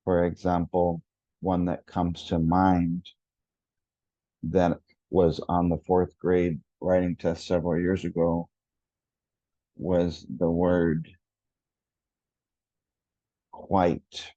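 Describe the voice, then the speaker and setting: A man giving a lesson to teachers, speaking deliberately and repeating key words for emphasis. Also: sits low, monotone, dark tone, dry recording, lo-fi sound. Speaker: education consultant.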